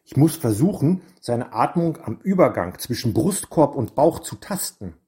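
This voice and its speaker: A man voicing a calm, capable young woman healer in a storybook reading, matter-of-fact. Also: medium pitch, normal speed, pitched above the performer's own voice, natural voice.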